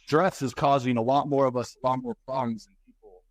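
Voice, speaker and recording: In a dry recording, a man in his forties with a mid-range voice, an author and speaker invited as a guest, talks candidly in an interview. His speech halts and restarts often, picking up energy in storytelling moments.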